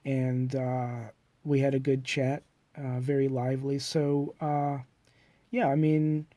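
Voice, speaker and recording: A middle-aged self-published author with a cold muses in a rambling personal monologue, hesitant and reflective, full of fillers and restarts. His congested voice is medium-pitched and dark in tone, level and slow, with no echo.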